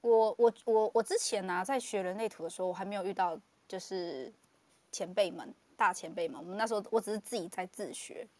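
A woman hosting a casual chat on a live audio stream. She talks quickly and animatedly and laughs often. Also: mid-range voice. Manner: fast, animated, laughs often, many fillers. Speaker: podcast host.

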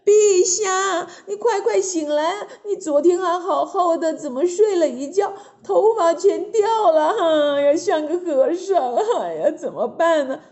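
A woman's voice: unhurried, few pauses, full character voice. A woman voicing a frightened queen who cries out in alarm, in a children's storybook telling. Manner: high, excited exclamations. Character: frightened queen, fussing and wailing.

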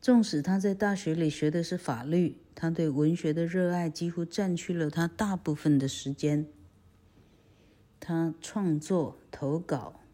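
Woman teacher, Taiwanese Mandarin accent, low voice, slow chatty delivery with fillers. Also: dark tone. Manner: chatty, frequent filler "ha", self-correcting; spells out words letter by letter. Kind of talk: casual lesson on a picture book.

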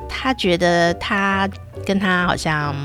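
A woman's voice: fairly low pitch, steady tone, slow, fairly bright tone, soft background music. A middle-aged woman telling a comic personal story in a chatty, playful way, with many sentence-final particles. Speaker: storyteller host.

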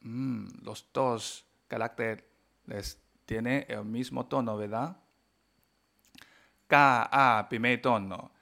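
A man whose first language is Mandarin Chinese, teaching a podcast language lesson, slowly modelling tones and spelling out pinyin letter by letter. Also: mid-range voice, fairly even intonation, creaky, pushed and bright.

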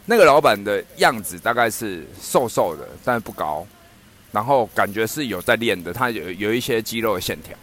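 A man's voice: fairly low pitch, normal speed, a little hiss or hum. A man casually telling a funny anecdote, laughing often and acting out what others said. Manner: animated, laughs often, acts out quoted speech. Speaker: storyteller in a podcast chat.

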